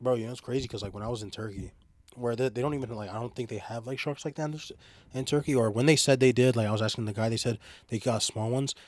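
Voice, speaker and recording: A man's voice: mid-range voice, quick pace, dry recording. A young man bantering casually with a friend in frat-bro slang, saying bro constantly.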